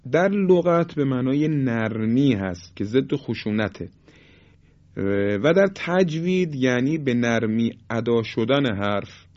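A man teaching Quran recitation in Persian, explaining each rule, then drawing out the example words slowly and firmly. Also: medium pitch, darkish tone. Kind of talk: tajwid lesson with slow demonstrations. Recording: dull lo-fi sound.

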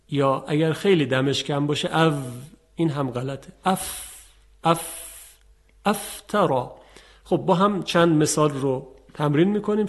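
A man teaching a tajweed lesson, calmly explaining and demonstrating letter sounds. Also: fairly high pitch. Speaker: Quran recitation teacher.

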